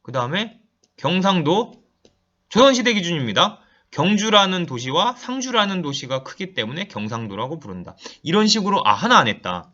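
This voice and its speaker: A lively male teacher with a fairly high, bright voice that swings up and down as he explains a map to his class. He chats with his students and thinks aloud while he draws. The audio is dull and lo-fi. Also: normal speed. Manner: chatty, addresses students directly, thinks aloud while drawing. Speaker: high school geography teacher. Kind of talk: online lecture while drawing a map.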